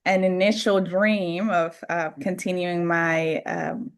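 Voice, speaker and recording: Woman from Colombia, panel guest, lowish voice, earnest, lots of ums. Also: level tone, slow pace. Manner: earnest, many fillers and restarts. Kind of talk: panel discussion.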